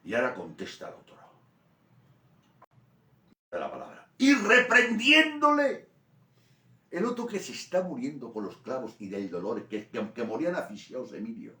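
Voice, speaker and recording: A man with a Spanish accent from Spain, preaching a sermon in an animated storytelling way. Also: lowish voice, brisk. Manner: animated storytelling preaching, rising to loud peaks. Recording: roomy echo from a distant mic.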